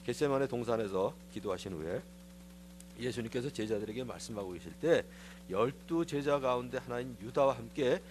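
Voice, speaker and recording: A man's voice: mid-range voice, slight background noise. A middle-aged man, a pastor, giving a conversational sermon in a church, telling stories in a confiding, personal way. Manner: animated storytelling, acting out quoted voices. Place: church sanctuary.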